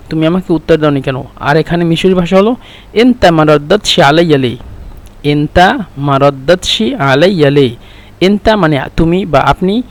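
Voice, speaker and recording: Male language teacher, slightly high voice, chatty and patient, drills words slowly. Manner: explains patiently, repeats phrases slowly to drill pronunciation. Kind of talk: casual spoken lesson.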